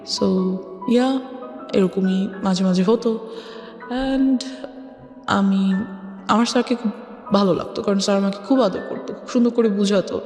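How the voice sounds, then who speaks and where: Speaking at a measured pace and pausing often, this woman has a mid-range, darkish voice and a Bangladeshi accent. She's interviewed about her life, mixing in English phrases, over a reverberant recording with music behind her.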